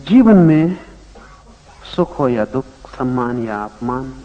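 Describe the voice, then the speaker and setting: A man's voice: mid-range voice, big pitch swings, big-room sound. Man giving a spiritual discourse, lo-fi. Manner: slow storytelling with long pauses, loudness rising and sinking. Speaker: spiritual teacher. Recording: dull lo-fi archival tape.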